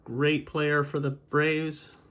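Speaking slowly in a monotone, this American man has a voice on the high side with a fairly bright tone. He hosts videos as a baseball card collector, casually commenting on the packs he opens and rambling somewhat as he thinks aloud.

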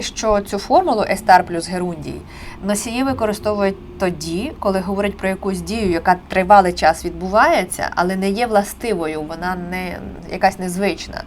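A woman in her thirties teaching Spanish grammar in an online lesson. She explains step by step and stresses key words with a lively voice. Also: medium pitch, slight background noise. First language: Ukrainian.

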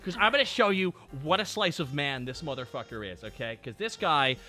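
Excitable bright-voiced man streamer. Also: fairly high pitch, fairly quick, faint music behind. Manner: excitable, swearing, laughs a lot. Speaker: VTuber streamer. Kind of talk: casual stream chat.

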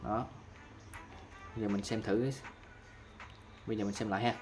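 A man giving a patient step-by-step app tutorial, filling pauses with short fillers. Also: on the low side, little pitch movement, darkish tone, soft background music. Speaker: tutorial vlogger. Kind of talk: casual screen-recorded app tutorial.

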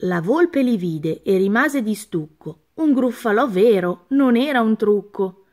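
A woman reading a rhyming children's storybook aloud, with an expressive, sing-song delivery. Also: on the high side, a little slow.

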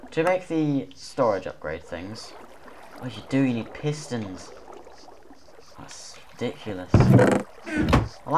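A man giving let's play commentary as a gaming YouTuber, excitable and self-mocking with sudden loud outbursts. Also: mid-range voice, background noise.

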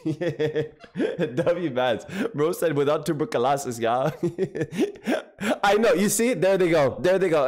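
A young man streaming live, chatting casually with his viewers and repeating himself as he reacts. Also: fairly high pitch. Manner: animated, talks to chat, repeats himself.

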